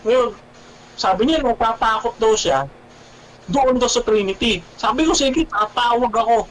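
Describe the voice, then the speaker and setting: Man, high voice, animated, repeats himself, radio guest testimony. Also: a little slow, slight background noise, low-quality recording. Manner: animated, keeps calling the host "bro", repeats himself. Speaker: guest telling his conversion story.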